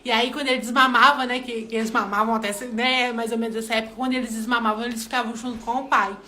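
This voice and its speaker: A woman's voice: fairly high pitch, fairly even intonation, fast talker, sharp tone, slight background noise. A middle-aged woman giving an informal devotional talk, chatty, often turning to her listeners. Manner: chatty, addresses listeners as "gente", frequent "né". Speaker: devotional speaker.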